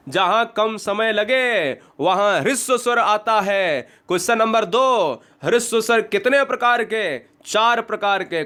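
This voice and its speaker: A male teacher giving an exam-prep lesson, drilling students with quick questions and repeated vowel sounds. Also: sits high, bright, forceful tone.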